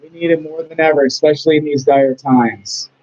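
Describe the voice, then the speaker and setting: A man's voice: fairly high pitch, steady tone, fairly quick, a little mellow. A man hosting a casual interview, rambling encouragingly with lots of fillers. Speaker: host. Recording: dull lo-fi audio.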